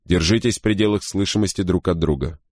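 A man voicing a stern ship's captain who gives formal orders in a low, measured way, in an audiobook. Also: a little mellow, dry recording, studio quality, lightly acted. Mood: commanding. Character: stern male ship's captain, calm commanding.

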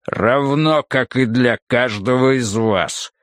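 A menacing, brutish hulk of a man growls in a deep, guttural rumble, as an audiobook narrator puts him on. He takes his time, stretching each phrase slowly and scornfully. The recording is dry, with no room sound. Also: fairly bright tone, dry recording. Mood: declaiming. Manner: slow, drawn-out delivery. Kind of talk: audiobook character voicing.

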